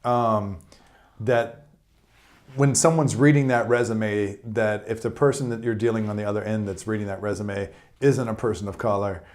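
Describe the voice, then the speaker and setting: A man's voice: lowish voice, steady tone, a little mellow. A man co-hosting a podcast in loose casual chat, swearing freely and restarting his sentences often. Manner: loose, profane, halting restarts. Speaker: podcast co-host.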